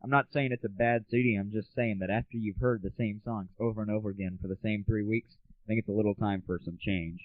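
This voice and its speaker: Talking fast with hardly any pauses, the host uses a fairly low, fairly even voice as he runs his casual solo show in a self-deprecating way. It's a dry, tinny, lo-fi home recording made on a cheap, faulty microphone.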